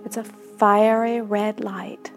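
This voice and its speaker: A woman narrating a guided meditation in a soft, soothing manner with long pauses between phrases. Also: mid-range voice, level tone. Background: background music.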